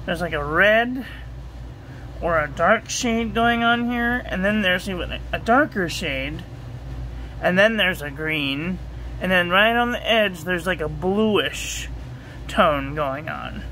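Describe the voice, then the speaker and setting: A woman reviewing ink and paper at a home desk, talking through a steady, repetitive checklist and getting excited about the ink colors. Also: on the low side, slow, a little hiss or hum, poor audio. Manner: enthusiastic over ink colors. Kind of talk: casual product review voice-over.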